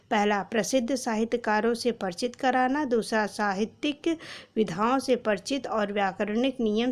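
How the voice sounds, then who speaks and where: Woman teacher, exam prep lesson, fairly high voice, measured quiz reading. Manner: measured, numbering each option, then announcing the answer.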